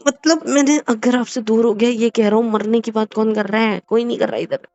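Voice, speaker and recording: A man's voice: high-pitched, fairly even intonation, brisk, a little mellow, muffled recording. A man voicing a young husband in a romantic audio drama, soothing and apologizing with coaxing reassurance. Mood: tender. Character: young husband, gentle and apologetic after a prank.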